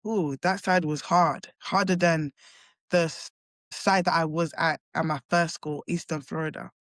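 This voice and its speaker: Speaking with a London accent, a young adult college basketball player talks hesitantly as an interview guest in a casual chat, often restarting and saying "like." Her voice is fairly low, and the recording is dry.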